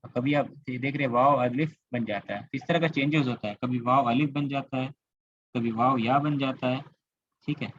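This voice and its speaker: A man's voice: medium pitch, moderate pace, a bit bright, slightly rough, no echo, lo-fi sound. Kolkata-accented man teaching an online class. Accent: Indian, Kolkata. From India. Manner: explanatory, repeats words, asks students questions. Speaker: Arabic grammar teacher. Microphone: computer mic on a video call.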